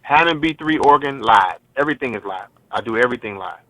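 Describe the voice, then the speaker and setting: A man's voice: medium pitch, fast talker, no room sound, rough recording. A man from Cleveland, a guest singer, chatting casually and easily on a radio show. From Cleveland, Ohio. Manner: relaxed, easygoing, laughs often. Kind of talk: casual radio interview chat.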